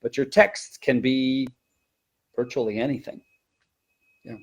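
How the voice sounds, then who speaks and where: This man's voice is medium-pitched, steady, slightly rough, and a little slow. He's a language teacher presenting a conversational training webinar, speaking with emphasis, rhetorical questions, and halting, stop-and-start phrasing.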